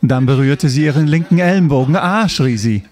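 A man's voice: medium pitch, fairly quick, mellow, faint music behind. A man giving a dubbed spiritual talk in an emphatic manner, repeating his points. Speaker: voice-over translator of a spiritual talk.

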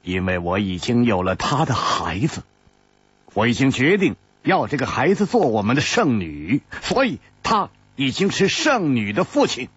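A man voicing a calm, composed young woman, a former sect saint, in a storytelling audiobook, speaking softly and slowly. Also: mid-range voice, slightly rough, no room sound, voice pushed down, heavily acted. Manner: soft, slow and composed. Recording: dull lo-fi dry recording.

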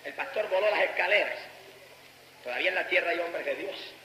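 Fervent Puerto Rican preacher, echoing hall. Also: male voice, sits high, fairly quick, slight background noise. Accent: Puerto Rican Spanish. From Puerto Rico. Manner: impassioned, bursts into shouted praise between stretches of storytelling. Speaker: evangelist preacher. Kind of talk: fervent sermon. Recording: echoey hall with long reverb.

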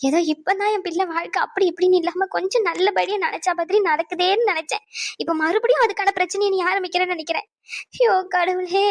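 A woman's voice: extremely high pitch, fast talker, fairly bright tone, no room sound, clean studio sound. A woman voicing an older mother-in-law in a cartoon family drama, wailing and accusing.

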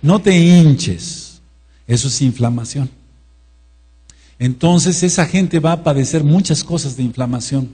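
A man's voice: mid-range voice, normal speed, a little mellow, breathy edge. A man with a Mexican accent teaching a sermon, repeating key words and asking his listeners questions. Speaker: preacher.

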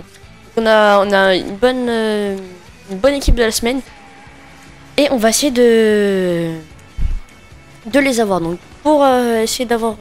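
A man giving casual gaming commentary while opening packs, hesitant and full of fillers and restarts. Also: high voice. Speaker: gaming video creator.

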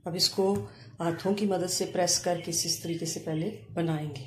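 A woman explaining a home cooking recipe step by step, pausing often as she works in a kitchen. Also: fairly low pitch. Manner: calm step-by-step explaining with frequent hesitations. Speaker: cooking channel host. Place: home kitchen counter, indoors. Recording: echoey room with faint ambient noise.

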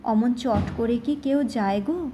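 A woman's voice: a little high, unhurried, mellow, a little hiss or hum, natural voice. A woman voicing an old female servant who answers in short, clipped, muttered replies, in a read-aloud audio story. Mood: reluctant.

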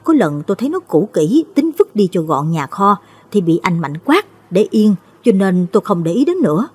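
Storybook figure: a dazed, defensive young woman with a husky voice, read by a woman narrator. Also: mid-range voice, very animated, normal speed, darkish tone. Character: bewildered young woman of the family.

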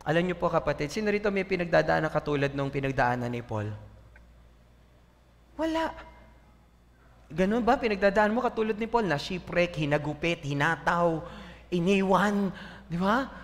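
A man preaching as pastor to a church congregation, animated and often asking the listeners questions. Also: sits high, normal speed, long pauses. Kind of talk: sermon mixing Tagalog and English. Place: church on a second floor. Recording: long hall reverb.

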